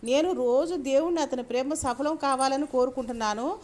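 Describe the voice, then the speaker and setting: A woman voicing a gentle young man who is recovering in bed, speaking softly in a lowered, quiet voice. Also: a little fast, natural voice.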